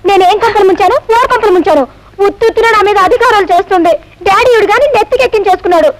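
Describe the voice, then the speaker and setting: A woman playing a lively, argumentative young woman in film dialogue. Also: very high-pitched, racing, very noisy. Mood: indignant.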